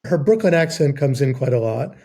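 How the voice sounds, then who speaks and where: A man's voice: mid-range voice, expressive, fairly quick, warm tone, slightly rough. A man on a podcast panel who works as a writer, making wry points and reasoning aloud. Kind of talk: casual film discussion.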